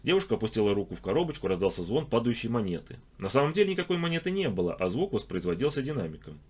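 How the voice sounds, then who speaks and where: A man reading an audiobook aloud with animated, ironic storytelling. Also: medium pitch, rapid-fire, breathy edge. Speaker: audiobook reader. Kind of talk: expressive audiobook narration.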